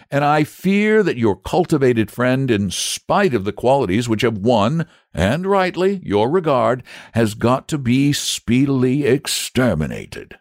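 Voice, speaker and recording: A man's voice: medium pitch, no room sound, clean studio sound, pitched above the performer's own voice. A man voicing a courteous, somewhat pompous knight in a raised, declaiming voice. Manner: grand and courteous. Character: kindly, pompous knight-saint, adult man.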